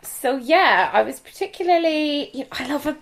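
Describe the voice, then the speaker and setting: The cookbook podcast's co-host, a woman from Galway with a west of Ireland accent, talks casually and expressively in a high-pitched voice at normal speed. The recording quality is low.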